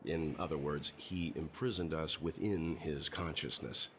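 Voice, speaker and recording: A man playing a calm, mature mentor in an anime game, explaining things gently and deliberately. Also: rumbling low, a little hiss or hum. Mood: reflective.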